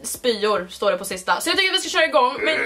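A young woman with a high voice tells her story in a casual, chatty vlog style. She talks in an animated way and leans on fillers throughout. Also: slight background noise. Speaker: vlogger host.

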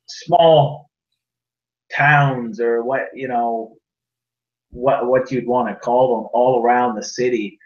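A man from rural New Brunswick, Canada, a guest on a video call, talking in an easygoing, plain-spoken way. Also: mid-range voice. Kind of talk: casual interview chat. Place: room at home. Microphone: webcam on a video call. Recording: muffled, echoey webcam audio.

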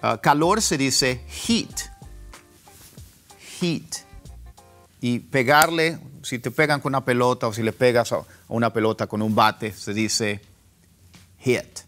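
A man teaching an online pronunciation lesson, repeating words slowly for drill. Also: medium pitch, a bit bright, faint music behind. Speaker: English teacher.

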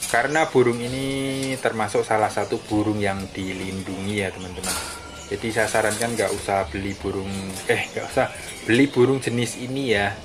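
Speaking in a steady tone on the low side at a moderate pace, a man vlogs about bird-keeping, explaining things as he films with his phone outdoors by bird cages on paving. He keeps the talk friendly and chatty, with a recurring "friends" that drops at the end, against clear background noise in the phone audio.

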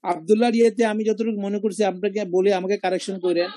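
A man's voice: sits high, fairly even intonation, fast talker, mellow, slight background noise. A man teaching a Quran recitation class over a video call, explaining pronunciation step by step and repeating sounds. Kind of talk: online class discussion.

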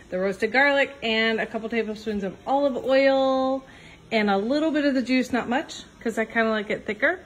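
In her kitchen, a woman in her thirties demonstrates a home-cooked recipe, casual and excited, with plenty of upbeat side comments. Her voice is a little high and fairly bright. It's a rough phone recording with slight background noise, the phone held near her at first and then set farther away.

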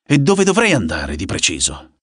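A man's voice: deep voice, huge pitch swings, normal speed, a bit bright, slightly rough, dry recording, heavily acted. Audiobook: sneering young tough, taunting and menacing; voiced by male reader, dry close read. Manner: mocking, taunting. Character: sneering menacing young man, hot-tempered.

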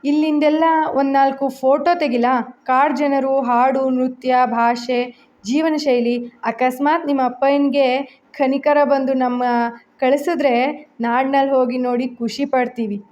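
A curious young man, voiced by a woman reader, presses with question after question. His lines come in a high, slow voice. The recording sounds dull and lo-fi. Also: fairly even intonation, a little mellow. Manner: inquisitive, questioning.

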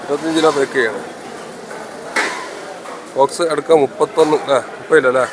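A fairly high-pitched man with a Kozhikode Malayalam accent narrates a casual vlog. He repeats himself often and addresses workers around him. The recording is noisy, made outdoors at a busy harbour with vehicles. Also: fairly even intonation, brisk. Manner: repetitive, calls out to workers. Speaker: vlogger at a fishing harbour. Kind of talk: casual running commentary for a video. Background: harbour and vehicle noise.

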